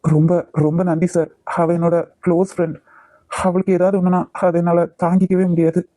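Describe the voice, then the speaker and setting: A man's voice: high voice, flat delivery, a little fast, dark tone, dry recording, natural voice. A man voicing an earnest young man in a cartoon, with a Kanyakumari Tamil accent. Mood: pleading. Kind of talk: cartoon voice acting.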